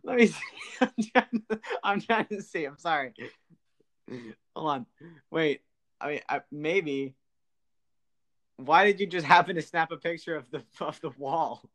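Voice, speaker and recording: A man co-hosting a casual podcast, talking in a halting way full of fillers and restarts. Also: on the high side, lively intonation, a bit bright. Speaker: podcast co-host.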